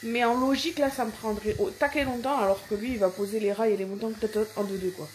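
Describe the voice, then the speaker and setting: A woman's voice: fairly high pitch, fairly even intonation, fast, darkish tone, a little hiss or hum. A woman hosting a renovation vlog, narrating in a chatty, enthusiastic voice-over. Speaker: vlog host.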